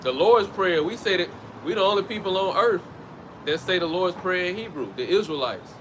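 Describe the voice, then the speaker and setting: A high-pitched, expressive man speaks at normal speed while preaching outdoors next to a street. His teaching is loose and conversational with many restarted phrases, set against the noise of passing traffic.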